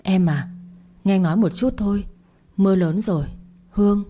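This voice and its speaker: A woman's voice: lowish voice, normal speed, mellow, soft background music, close to an everyday voice. A woman reading the lines of a remorseful young husband in a storybook, speaking in a pleading, desperate way.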